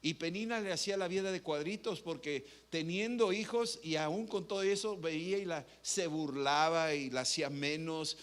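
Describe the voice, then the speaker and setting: A man's voice: a little high, normal speed, hardly any pauses. A man preaching a sermon in a conversational way, often asking rhetorical questions.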